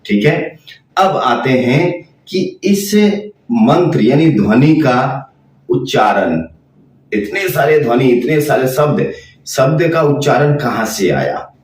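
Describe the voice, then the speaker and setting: Slow-speaking man teaching, very echoey. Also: medium pitch, far from the mic. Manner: slow, repetitive explaining, demonstrating chanted sounds. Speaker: tantra teacher. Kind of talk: spiritual lesson. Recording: very echoey room, voice off-mic.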